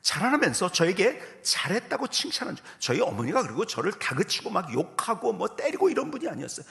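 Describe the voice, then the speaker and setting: A man in his fifties, a guest pastor giving a revival sermon with personal testimony, swinging from loud exclamations to soft whispers and asking the congregation questions. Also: high-pitched, wildly swooping pitch, fairly quick, creaky. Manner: addresses congregation directly with questions.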